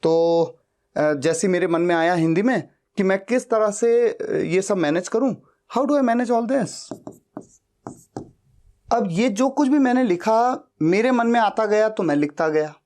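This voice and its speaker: A young man whose first language is Hindi teaching spoken English, explaining in Hindi and saying each English sentence slowly and carefully. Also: high voice, lively intonation, a little mellow.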